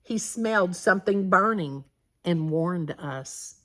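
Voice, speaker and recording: A gentle, fond old grandfather from a storybook, as a woman reading aloud plays him, in a voice close to her own and kept bright. He speaks slowly and kindly. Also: lowish voice, animated, heavily acted.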